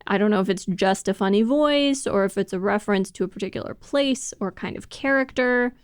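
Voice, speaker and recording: Smooth-voiced woman podcast co-host. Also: medium pitch, fairly quick, dry recording, clean studio sound. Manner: explanatory, laughs often while talking. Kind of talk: casual podcast discussion.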